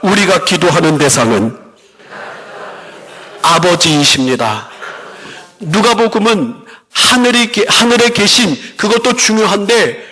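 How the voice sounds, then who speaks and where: Male pastor, fervent preaching, bright forceful voice, slightly high pitch. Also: long reverb tail, poor audio. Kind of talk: sermon. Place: church sanctuary.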